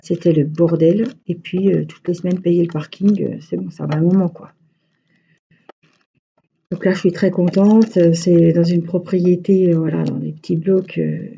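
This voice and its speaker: Gravelly, dark-voiced woman with a Franche-Comté accent. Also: fairly low pitch, steady tone, moderate pace, highs cut off. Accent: Franche-Comté French. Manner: chatty, rambling storytelling. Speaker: crochet vlogger. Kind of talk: casual chat to viewers.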